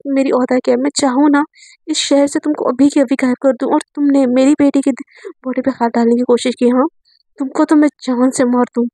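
A domineering rich father barking threats and scolding, as a woman narrator puts him on in her own high voice. The sound is dry and close. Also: warm tone, no room sound. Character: angry powerful businessman father, domineering.

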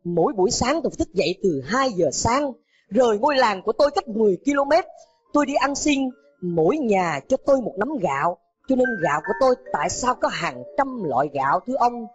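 A man's voice: sits high, sing-song, a little fast. A man voicing a poor mother pleading in tears. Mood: tearful pleading. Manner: pleading, sobbing. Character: poor sick older mother, pleading and tearful. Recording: dull lo-fi with background music.

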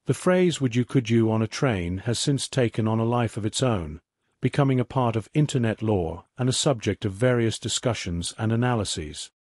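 A man reading scripted narration for an online mystery series in an even, measured documentary manner. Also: lowish voice, dry recording, studio quality.

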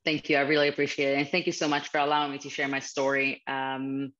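A woman's voice: extremely low pitch, level tone, quick pace, fairly bright tone. Ukrainian lady on a zoom call, earnest and heartfelt, a bit dull lo-fi audio. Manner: earnest, heartfelt, slightly non-native phrasing. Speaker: guest speaker. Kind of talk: personal talk over video call. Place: small office indoors. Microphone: video call webcam. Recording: slightly muffled video call audio.

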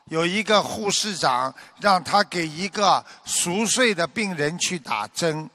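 A Buddhist teacher with a high voice gives a dharma talk, preaching in a measured way that turns animated when he tells a joke.

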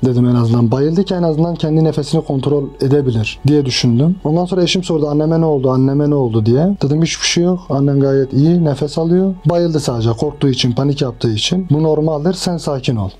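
A young man calmly and reflectively recounting his time trapped under rubble, in a measured testimony. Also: a little high, soft background music. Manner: calm, reflective, measured retelling. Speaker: earthquake survivor. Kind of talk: personal testimony interview.

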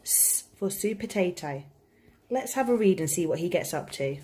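A woman, a primary school teacher, reading a picture book aloud to children in an expressive, engaging way. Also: on the low side, normal speed, husky.

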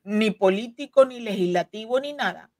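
Her fairly high voice has lively intonation and a darkish tone at normal speed, with no room sound and a clean studio feel. A woman in her forties and native Spanish speaker, she's a guest immigration legal counsel explaining earnestly in an interview, full of fillers and restarts, via a desk mic on a video call from her home office.

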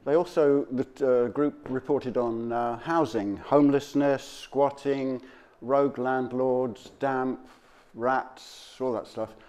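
A man acting as a local history presenter gives an informal slide talk to an audience, speaking in a halting, conversational, off-the-cuff way. His mid-range voice stays steady and sounds a little mellow.

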